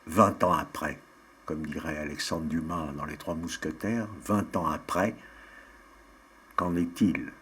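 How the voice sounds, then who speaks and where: A man hosting an interview, introducing his guest formally and asking measured questions. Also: rumbling low, fairly bright tone, a little hiss or hum. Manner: measured, with fillers and restarts.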